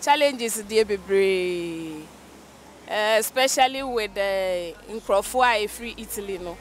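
A woman's voice: mid-range voice, expressive, slow pace. A middle-aged Ghanaian woman with a Ghanaian accent, answering interview questions and mixing English with Twi. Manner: speaks unhurriedly, mixes English with Twi. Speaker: clearing agent guest. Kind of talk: casual interview. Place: outdoors on a beach by the sea. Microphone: handheld mic held by interviewer. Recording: faint outdoor noise.

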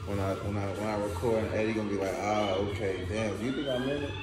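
A man's voice: lowish voice, fairly even intonation, fast. Slangy young man, very echoey room. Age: young adult. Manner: slangy, informal. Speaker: skit performer. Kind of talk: casual chat and rehearsed skit lines. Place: indoor living room, on a couch. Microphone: phone camera a few feet away. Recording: echoey living room, music behind.

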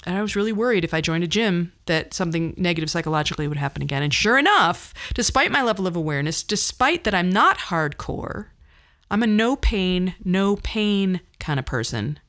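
This podcast host, a woman in her fifties, shares personal stories in a conversational monologue with wry, self-deprecating humor. Her voice sits on the low side, expressive and fairly bright, moving a little fast.

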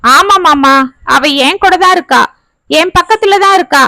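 A woman's voice: extremely high pitch, moderate pace, sharp tone, dry recording, voice pushed up, exaggerated voice. A woman voicing an earnest remorseful young husband. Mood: relieved. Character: young married man confessing to his wife. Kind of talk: storytelling narration.

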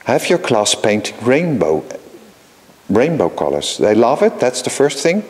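A man's voice: mid-range voice, big pitch swings, darkish tone. Man lecturing in a reverberant hall. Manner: halting, with frequent restarts and repeated words; explains patiently, checks in with the audience. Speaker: keynote lecturer. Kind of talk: live conference lecture. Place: conference hall.

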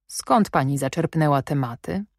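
A woman reading an audiobook, voicing a stern and commanding gentleman who speaks in a probing, sardonic way. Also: deep voice, animated, normal speed, no room sound, studio quality. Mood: imperious.

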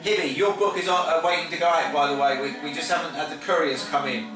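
A man in his forties hosts a prize draw, calling out numbers and names in a bright, high-pitched voice. He is recorded from far across a small office by the camera. The room is very echoey, and pop music plays clearly behind him. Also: steady tone, fast talker. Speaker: website host running a prize draw. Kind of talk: casual announcing. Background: pop music playing.

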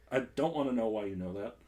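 A young man hosts a casual podcast quiz game, laughing often and filling gaps with lots of "um"s. His voice has a medium pitch and a darkish tone.

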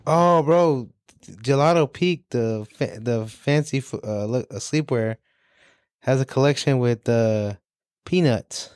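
A man's voice: medium pitch, slow pace, a little mellow, clean tone, no room sound, clean studio sound. A man co-hosting a podcast, chatting casually about sneakers with loose, joking, slangy banter. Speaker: podcast co-host.

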